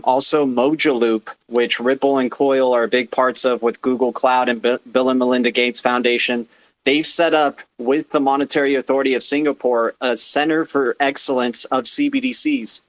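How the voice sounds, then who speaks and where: A man's voice: medium pitch, a bit bright, no echo. A man in a casual online voice chat, explaining points with many ums. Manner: informative, filler-heavy explaining. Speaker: participant in a crypto community audio space.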